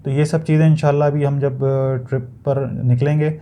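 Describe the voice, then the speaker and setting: Slight background noise accompanies a man's mellow, mid-range voice, flat in delivery and normal in speed. Speaking with a Pakistani accent, he gives a casual, explanatory product review like an unboxing, groping for words and occasionally saying them twice.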